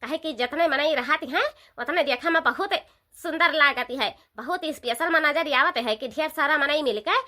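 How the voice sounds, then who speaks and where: A woman voices a bossy, gossipy village sister-in-law in a comedy cartoon, using an Awadhi accent. Her sharp, high-pitched voice moves at a moderate pace, emphatic, repetitive, urging and eager.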